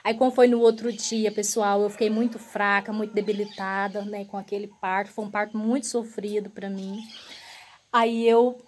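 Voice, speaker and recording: A woman's voice: medium pitch, normal speed, a little hiss or hum. A woman vlogger telling her own story earnestly to her viewers, often turning to address them directly. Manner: relaxed, repetitive phrasing.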